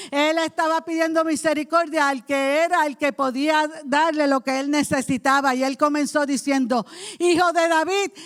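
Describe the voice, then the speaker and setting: With a high voice, a woman pastor delivers an impassioned sermon in church, shifting from soft speech into loud cries.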